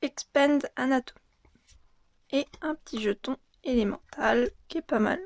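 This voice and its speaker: A young woman casually opening and commenting on trading cards, reading them out in a soft, murmured voice that often drops to a half-whisper. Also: sits high, normal speed, no echo. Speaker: card unboxing vlogger.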